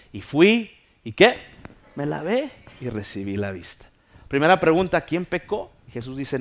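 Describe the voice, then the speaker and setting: A man from Mexico, a pastor, preaching a sermon that swings from quiet, close talk to loud, fervent preaching. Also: mid-range voice. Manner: acts out scenes with playful voices.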